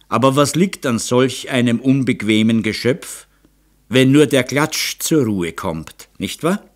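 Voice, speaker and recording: A medium-pitched male narrator reads an audiobook, voicing a reserved, middle-aged male artist whose speech is hard and measured.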